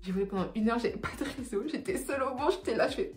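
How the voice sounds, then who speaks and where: A young adult woman telling her solo travel mishaps in an animated, slangy way, laughing as she goes. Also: on the high side, racing. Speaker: travel vlogger. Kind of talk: casual storytelling to camera. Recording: echoey room, faint music.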